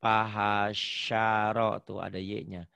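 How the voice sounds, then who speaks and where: A man from Indonesia teaches Quran reading in a one-on-one online lesson. He speaks slowly and patiently, correcting each sound and sounding out verses at a drawn-out pace. His voice is dry, with no room echo. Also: lowish voice, flat delivery, gravelly, sharp tone, smooth. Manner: patient, corrects often, models slow drawn-out recitation. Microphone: online call.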